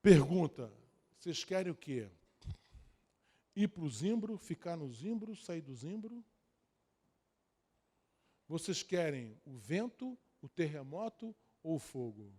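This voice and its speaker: High-voiced man preaching a fervent sermon. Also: very animated, slow pace, pauses often, mellow. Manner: emphatic preaching with repetition and rising pitch. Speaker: pastor.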